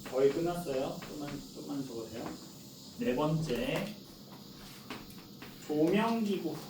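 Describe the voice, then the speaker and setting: Lecturing in a classroom, a chatty man in his forties regularly asks his students things and then answers for them. He has a fairly high voice with lively intonation and a measured pace. The audio is distant and echoey, with background noise.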